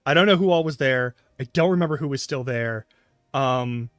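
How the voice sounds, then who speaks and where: A man's voice: medium pitch, moderate pace, a bit bright, no echo, studio quality. A man casually chatting and swearing freely while streaming a game. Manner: rambling, frank, swears casually. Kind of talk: casual live-stream commentary.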